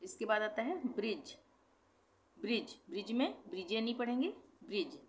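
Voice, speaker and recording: With an animated, somewhat high voice and a little hiss or hum in the background, a Hindi-speaking woman teaches English pronunciation like a classroom lesson. She breaks words into individual letters, repeats them slowly, and catches her own slips.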